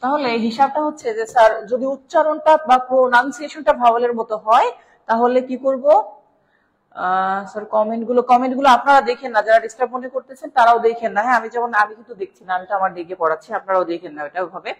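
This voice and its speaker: A woman's voice: on the high side, fast talker. A woman with a Bangladeshi Bengali accent teaching an English grammar class live online. She explains step by step, keeps checking in with listeners, and calls them "sir". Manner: explanatory, checks in with "right?", addresses viewers as "sir". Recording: long reverb.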